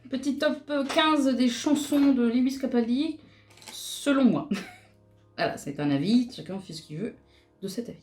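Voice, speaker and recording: A young beauty vlogger chats casually and laughs while doing her makeup, her speech full of fillers and restarts. Her voice sits on the high side with a darkish tone, animated but unhurried, and faint music plays behind her.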